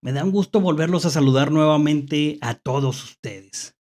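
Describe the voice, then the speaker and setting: A horror story host with a Mexican accent and a darkish, mid-range voice recounts spooky tales off script at a moderate pace. Hesitating, the host repeats phrases and uses rhetorical questions to check in.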